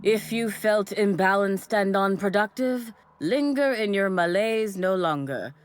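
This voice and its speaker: A woman's voice: a little slow, soft background music, lightly acted. A woman voicing a weary, forced-cheerful cult aide. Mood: sales pitch. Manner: chipper sales pitch that sags into resignation. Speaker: voiced game character.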